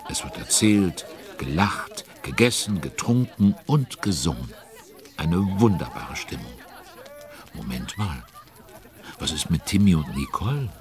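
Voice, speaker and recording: With a very deep, husky voice, a man narrates a children's audio drama in full character, playing an involved, chatty storyteller fond of conspiratorial asides.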